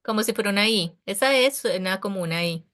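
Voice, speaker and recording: A woman's voice: medium pitch, brisk, fairly bright tone. A Spanish-speaking woman teaching an English class over a video call, patient and encouraging, explaining pronunciation step by step.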